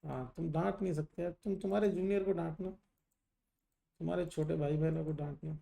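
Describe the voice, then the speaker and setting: A man's voice: a little high, fairly even intonation, brisk, gravelly, warm tone. A middle-aged male teacher lecturing a class on ayurveda, teasing and scolding students while mixing in English terms.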